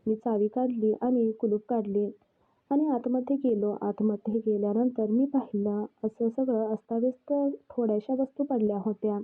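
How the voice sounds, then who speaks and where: A woman's voice: a little high, fairly even intonation, moderate pace. A young woman narrating a first-person story in a plain, confessional way. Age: young adult. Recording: tinny phone-like sound.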